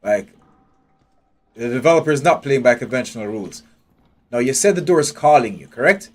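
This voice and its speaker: A man streams a game live, thinking aloud bluntly and profanely while nitpicking every detail. His mid-range voice is slightly dark in tone, with lively intonation and a somewhat quick pace. He's on headphones with a desk mic, and faint game music plays behind him.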